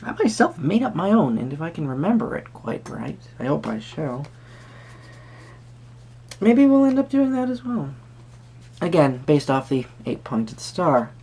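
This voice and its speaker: A performer plays a quirky, friendly tarot reader at a Renaissance fair, improvising in first person and addressing the viewer in a whimsical, musing mood. Her mid-range voice is a little mellow and slightly rough, with big pitch swings in a full character voice. She speaks hesitantly and theatrically, in halting phrases broken by sudden emphasis.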